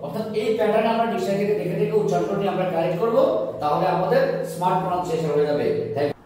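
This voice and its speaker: Guy teaching pronunciation, repeats words slow, sounds far off in a big echoey room. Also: high voice, a little mellow, slight background noise. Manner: drills words slowly, repeating them aloud. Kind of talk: classroom-style pronunciation lesson. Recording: echoey hall, distant mic, faint music.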